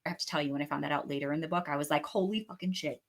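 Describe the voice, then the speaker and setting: A woman's voice: low voice, little pitch movement, racing, creaky. A young adult woman hosting a book podcast, chatting casually through a chapter recap with her own theories and the occasional swear word.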